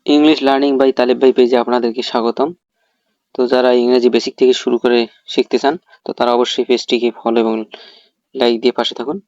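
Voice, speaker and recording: Here a man teaching English pronunciation explains the rules stepwise, quizzing himself and supplying the answers. His medium voice is a little mellow with little pitch movement, and his pace is brisk. The sound is lo-fi and lacks any room sound.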